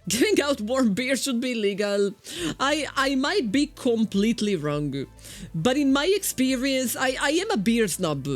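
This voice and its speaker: A woman's voice: on the high side, big pitch swings, a little slow, faint music behind. A woman with an Italian accent giving casual, chatty game commentary as a streamer, often repeating her first words. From Italy. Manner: chatty, repeats words when starting sentences.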